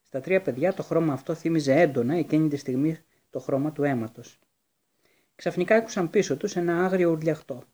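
A man reading a novel aloud as a narrator, telling the story in a steady, dramatic way. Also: fairly high pitch. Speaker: audiobook narrator.

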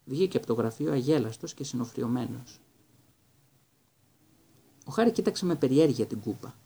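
A man reading a Greek audiobook in a steady, even storytelling manner. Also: mid-range voice, vocal fry, slightly rough. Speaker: audiobook reader. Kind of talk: audiobook narration.

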